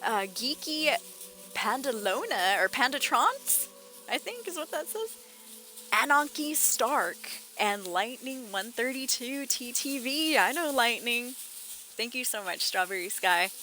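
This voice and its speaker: A woman's voice: fairly high pitch, big pitch swings, takes it slowly, sharp tone, a little hiss or hum. A woman doing casual, playful live commentary as a game streamer, with music in the background.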